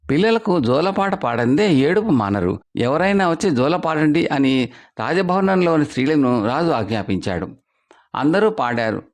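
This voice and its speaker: A man's voice: on the high side, creaky. A man telling a folk tale for children, bringing the dialogue to life as he reads. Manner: lively expressive telling with acted dialogue. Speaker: storyteller. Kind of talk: storytelling for children.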